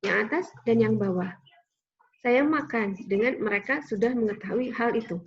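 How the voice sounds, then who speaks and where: A woman's voice: on the high side, normal speed, husky. A woman giving a recorded lecture on grammar, explaining patiently with frequent tag questions. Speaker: university lecturer. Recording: slightly dull lo-fi audio with faint noise.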